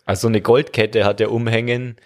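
A man co-hosting a comedic podcast, relaxed and musing. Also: medium pitch, fairly quick. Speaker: podcast host. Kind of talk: casual comedic chat.

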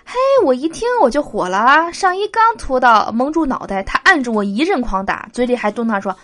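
Lively high-voiced woman reading jokes. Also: a little fast, no room sound. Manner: lively, laughs at her own jokes. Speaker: podcast host telling jokes. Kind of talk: reading jokes aloud, casual podcast.

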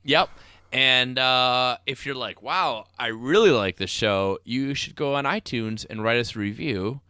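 A man's voice: medium pitch, a little slow, bright, forceful tone, smooth, dry recording, clean studio sound. A man hosting a casual podcast, joking with his co-hosts and reading plugs loosely with fillers. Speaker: podcast host.

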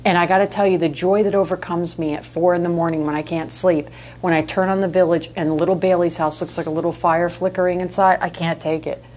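A woman's voice: on the low side, steady tone, fairly quick, a little mellow, slight background noise, poor audio. Chatty New York woman podcaster. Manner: chatty, storytelling, self-mocking. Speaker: podcast co-host. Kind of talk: casual chat.

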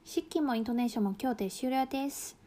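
A woman teaching Mandarin to learners, explaining calmly and saying the example words slowly with strong stress. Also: fairly high pitch. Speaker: Chinese language teacher. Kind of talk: language lesson explaining Mandarin to Japanese learners.

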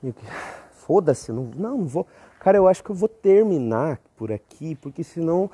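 A young man hosting a casual rambling monologue, profane and self-mocking, often breaking into high squeaky exclamations. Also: very animated, brisk, warm tone, breathy edge. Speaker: podcast host.

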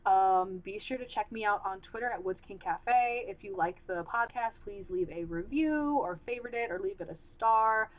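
This rough recording captures a young woman going solo on her podcast, speaking at a moderate pace at medium pitch with hardly any pauses. Casual and frank, she rambles with plenty of fillers and restarts as her voice begins to fade.

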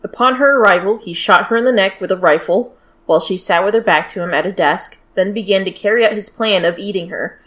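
Speaking a little fast at medium pitch with a fairly bright tone, this podcast host has a general American accent. She tells true-crime stories casually, bluntly, and with plenty of swearing.

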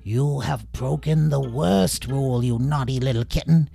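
A man voicing a gang of cheeky hobgoblins with a high, teasing, sing-song manner in a storybook reading. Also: a little slow, gravelly, dark tone, soft background music. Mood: pompous. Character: cheeky squeaky hobgoblin gang, mocking and pompous.

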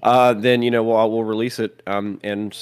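A man hosts a relaxed podcast over voice chat, looping through his sentences. His voice sits a little on the low side. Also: normal speed, clean tone. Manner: rambling, many fillers and restarts. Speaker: host. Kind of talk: casual chat. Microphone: voice chat headset.

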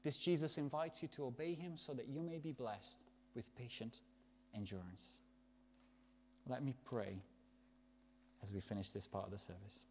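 A man preaching a sermon, stressing words loudly and dropping to soft, hushed endings. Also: medium pitch, moderate pace, pauses often, a little hiss or hum.

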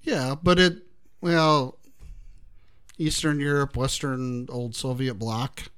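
A man hosting a casual talk show, relaxed, laughing easily and steering to new topics. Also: mid-range voice, takes it slowly, clean tone. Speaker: podcast host.

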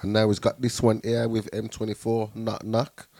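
A man's voice: fairly low pitch, completely flat delivery, moderate pace, vocal fry, mellow, no room sound. A man chatting casually about music as a radio co-host. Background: faint music.

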